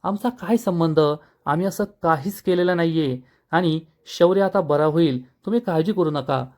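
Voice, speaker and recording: A man voicing a sly male politician who smoothly reassures a powerful lawyer. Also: fairly high pitch, normal speed, a little mellow, close to an everyday voice. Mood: placating. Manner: placating, reassuring.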